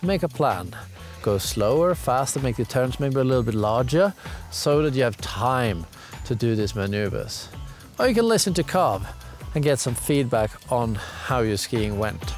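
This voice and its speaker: With music in the background, a young man on a mountain gives a casual ski lesson straight to camera. He sounds very animated, his mid-range voice moving at a moderate pace.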